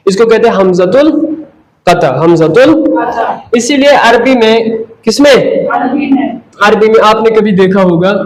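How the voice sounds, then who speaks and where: High-voiced, slow-paced man teaching a class. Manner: asks the class questions and answers them himself; mixes English phrases into explanation. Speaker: Arabic teacher. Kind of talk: classroom lesson at a whiteboard. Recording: echoey classroom with faint background noise.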